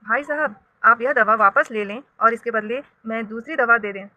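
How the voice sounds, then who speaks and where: A woman's voice: on the high side, moderate pace, lo-fi sound, close to an everyday voice. A woman voicing a stern, protective middle-aged father in a read-aloud storybook, speaking in a raised voice.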